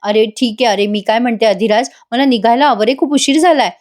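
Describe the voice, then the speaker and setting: A woman's voice: on the high side, fairly quick, a little mellow, close to an everyday voice. A woman voicing a scheming young woman who makes sweet-talking, evasive excuses.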